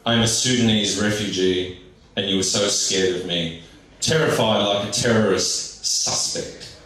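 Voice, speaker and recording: A man with a fairly low voice performs slam poetry. He declaims line by line in a very echoey hall, some way from the microphone. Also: moderate pace, fairly bright tone, recorded from a distance. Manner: declamatory, first-person declarations. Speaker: slam poet, competitor.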